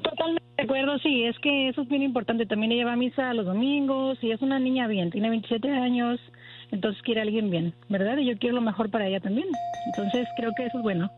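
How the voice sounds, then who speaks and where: A woman speaking on a radio show as a caller, chatting warmly and agreeably. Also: on the high side, quick pace, phone-quality sound. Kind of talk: casual chat.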